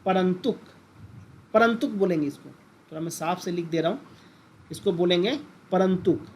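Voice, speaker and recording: A man's voice: high-pitched, normal speed, a little hiss or hum. A man teaching a lesson in lecture style, who keeps asking the class questions and repeating the key terms. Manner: addresses listeners as friends.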